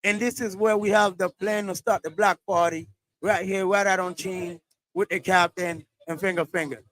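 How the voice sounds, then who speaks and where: A man with a high, slightly bright voice and fairly even intonation talks at a moderate pace. The setting is a beachside parking lot outdoors, where he hosts a casual live stream full of shout-outs, repeating his lines and sometimes speaking Spanish.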